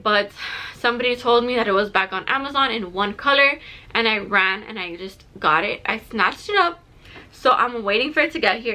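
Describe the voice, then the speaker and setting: Breathless, chatty young woman vlogging. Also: on the high side. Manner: chatty and excited, frequent "like". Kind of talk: casual vlog chat to camera. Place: bedroom at home.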